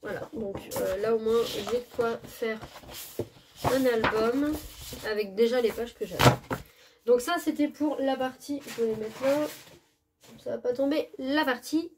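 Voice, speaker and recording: A woman's voice: a little high, measured pace, very noisy. A woman casually presenting her scrapbooking purchases, chatty and often searching for words, correcting herself as she goes. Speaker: scrapbooking haul vlogger.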